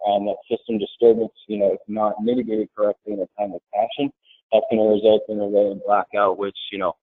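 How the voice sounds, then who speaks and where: A man on a webinar panel, explaining grid security in a plain, steady way. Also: lowish voice, dry recording. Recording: tinny phone-like line, dry.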